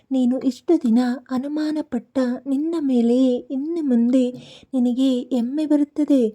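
A woman speaks a soft devotional night-time message in a gentle, soothing manner, tenderly calling the listener her child. Her voice sits high, yet its tone is dark and mellow. She takes her time, pausing between short phrases.

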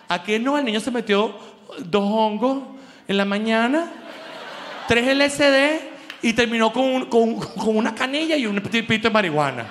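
Venezuelan male comic, high-pitched, animated stand-up delivery, reverberant hall. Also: moderate pace, a little hiss or hum. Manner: animated, laughing, acts out quoted voices. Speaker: comedy show host. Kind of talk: stand-up comedy monologue.

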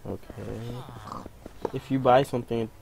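A man's voice: mid-range voice, steady tone, measured pace, creaky. A man hosting a gameplay video at home, chatting casually and rambling as he plays. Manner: rambling, hums to himself. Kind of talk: casual game commentary. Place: family home. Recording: noisy home recording.

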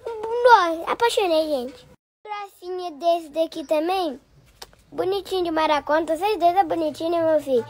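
A man voicing a cheerful old grandpa character. The voice is hoarse, and he gushes over everything with doting affection. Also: very high voice, moderate pace, voice pushed up. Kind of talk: comedy vlog character.

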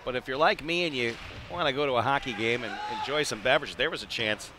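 A man calls hockey action at a quick clip from an indoor rink, his mid-range voice trading clipped play-by-play for chatty side remarks. It's live, radio-style sports commentary with noise in the background.

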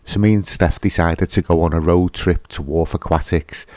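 A man's voice: deep voice, fairly even intonation, moderate pace, a little mellow, no echo, clean studio sound. A man hosting a fishkeeping channel, giving a casual, hesitant voice-over with lots of fillers and restarts.

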